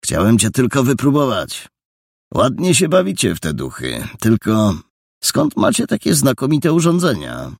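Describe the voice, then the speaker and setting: A man voicing a mysterious, cunning stranger who questions a boy in a gentle, coaxing way. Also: medium pitch, huge pitch swings, moderate pace, creaky, slightly rough, dry recording, studio quality, voice pushed up, heavily acted. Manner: gentle, coaxing, then sharp. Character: mysterious grown man, soft-spoken, cunning interrogator.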